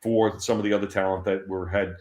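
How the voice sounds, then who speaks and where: A middle-aged man, a former comics editor, tells lively stories as an interview guest. He laughs often and repeats words when excited. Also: deep voice, brisk. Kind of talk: casual anecdotal storytelling. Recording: roomy echo.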